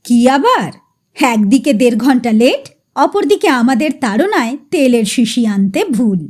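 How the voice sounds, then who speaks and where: A woman's voice: on the high side, very animated, measured pace, darkish tone, voice pushed down. A woman voicing a fussy, vain middle-aged man in a funny story, grumbling and tacking on questions.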